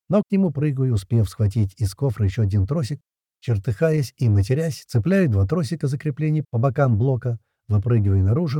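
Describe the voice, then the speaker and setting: A man narrates a first-person audiobook in a voice that is dark, mellow and husky, pitched at a medium level. His delivery is gritty and tense, and the recording sounds close and dry with no room sound.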